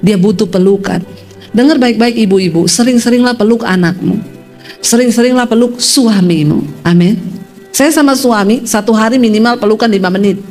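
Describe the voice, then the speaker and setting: A woman pastor preaching in a lively, humorous, storytelling way, often turning to address the congregation directly. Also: on the high side, moderate pace, faint music behind. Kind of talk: sermon with storytelling.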